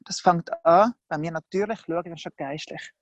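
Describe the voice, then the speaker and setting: A preacher giving a sermon in a lively, conversational way, often acting out the people in the story. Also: mid-range voice, normal speed, dry recording, dull audio. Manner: lively, conversational, acts out the characters.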